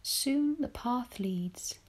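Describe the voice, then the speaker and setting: A woman leading a guided relaxation meditation in a soft, breathy spa-like whisper, soothing and gentle, with long pauses. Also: on the high side, animated.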